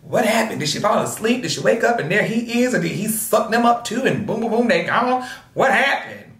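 A young man hosting a movie reaction video, loud and dramatic, swearing and shrieking at the screen. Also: high-pitched, expressive, fairly quick, echoey room, far from the mic.

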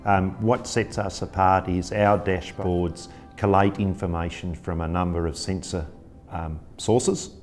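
Deep-voiced middle-aged farmer. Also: male voice, fairly even intonation, a little slow, darkish tone, soft background music. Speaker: farmer and business partner. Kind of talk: interview. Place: office meeting room.

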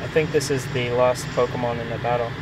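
A young gaming vlogger relaxes into casual narration of the game he's playing, pausing often with ums and restarting sentences. His flat, mid-range voice is recorded outdoors near a restaurant and park, with steady traffic humming behind him.

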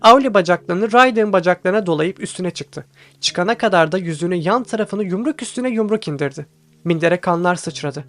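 A man reading a first-person audiobook with tense, steady storytelling. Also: high voice, a little fast. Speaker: audiobook reader. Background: faint background music.

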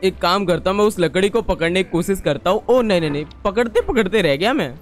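An excitable young man talks through a game to his viewers. His pitch jumps all over as he scolds the game and cheers himself on. Faint game music plays behind him. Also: quick pace. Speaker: gaming YouTuber. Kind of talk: casual gameplay commentary.

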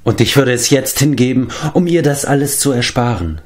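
A man's voice: medium pitch, expressive, normal speed, close to an everyday voice. A man voicing a humble, loyal young pig-keeper who speaks earnestly, in an audiobook reading.

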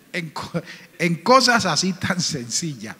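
A man's voice: on the high side, big pitch swings, takes it slowly. Impassioned male pastor in a reverberant church. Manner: emotional storytelling, voice swells loud then drops to a near murmur. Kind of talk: sermon. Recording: church hall with long reverb.

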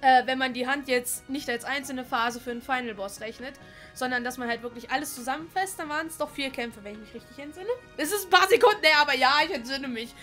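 High-pitched gamer girl gushing thru her let's play, chatty, faint game music behind. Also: a little fast, pushed and bright. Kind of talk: casual commentary over gameplay.

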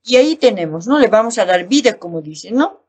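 A woman teacher with a Bolivian Spanish accent, explaining a lesson slowly and reading examples aloud. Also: mid-range voice, sing-song, darkish tone, breathy edge. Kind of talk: recorded class lesson.

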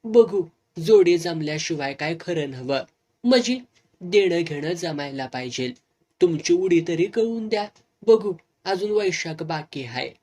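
Soft old village uncle, as the storyteller puts him on, gentle and resigned, quieter than the narration. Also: mid-range voice, lively intonation, a little slow. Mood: evasive.

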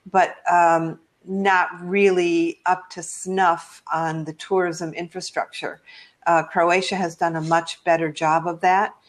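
An older American woman, a travel blogger, telling travel stories in a video call interview, chatty and full of ums. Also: lowish voice. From United States. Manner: warm, chatty storytelling with frequent ums. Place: living room at home.

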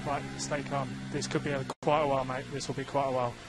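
A man working as a race engineer, giving calm, reassuring, repeated instructions over race team radio. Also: medium pitch, quick pace, music in the background.

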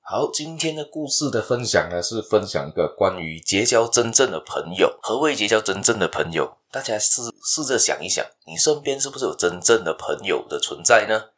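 A man's voice: lowish voice, very animated, brisk, few pauses, fairly bright tone. A man hosting a casual storytelling podcast, chatty and conversational. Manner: chatty, conversational, restarts often.

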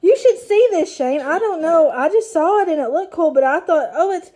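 A stay-at-home mom vlogger with a high voice chats through a casual grocery haul in her kitchen at a moderate pace. She's excitable, out of breath, and full of self-mocking asides, while bags rustle and clicks sound behind her.

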